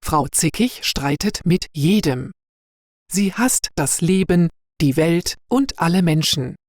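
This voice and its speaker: A woman narrating a story slowly and clearly for language learners. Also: lowish voice, a little mellow, no echo, studio quality. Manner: clear and deliberate.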